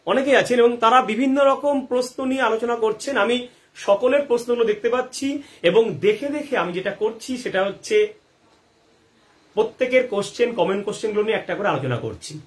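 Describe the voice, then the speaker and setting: A man's voice: very high-pitched, quick pace. A man hosting a live gardening Q&A. He answers viewers' questions and asks himself rhetorical questions, checking in with the audience often. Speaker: gardening advice host.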